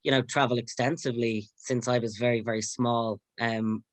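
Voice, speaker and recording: A man's voice: mid-range voice, level tone, moderate pace, no room sound. An Irish man in his late twenties, chatting as an interview guest in a rambling way with plenty of "you know"s. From Ireland, North County Dublin. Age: late 20s. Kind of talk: casual interview chat.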